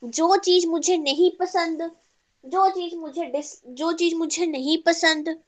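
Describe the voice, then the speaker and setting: High-voiced woman teaching an online class. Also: fairly even intonation, takes it slowly. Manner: mixes Hindi with English terms, checks in with students. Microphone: earphone mic.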